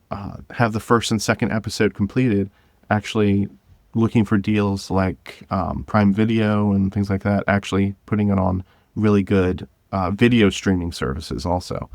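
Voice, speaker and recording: Clean studio audio, dry and free of room echo, captures a fairly low-pitched male voice. The speaker, a guest who created a video podcast drama, keeps the interview conversation casual and earnest, reworking his phrasing mid-thought.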